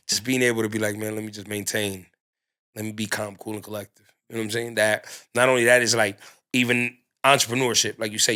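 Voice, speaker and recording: Bright-voiced man talking in loose slang. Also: lowish voice. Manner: loose street slang, many fillers and restarts. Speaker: restaurant owner, guest. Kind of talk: candid casual conversation.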